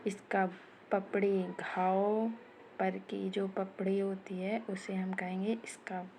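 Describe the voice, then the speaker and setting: A woman's voice: medium pitch, little pitch movement, warm tone, a little hiss or hum. A woman teaching a vocabulary lesson. She writes each word, repeats it as a question and answer, and often drops to a whisper. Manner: slow and deliberate, often dropping to a whisper. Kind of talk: vocabulary lesson, writing and explaining words.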